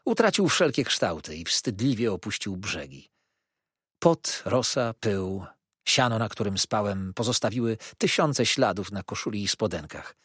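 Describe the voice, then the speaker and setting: A man's voice: on the low side, expressive, measured pace, a bit bright, breathy edge, no echo, clean studio sound. A man reading a novel aloud as an audiobook narrator, telling the story expressively. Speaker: audiobook reader. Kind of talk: scripted narration.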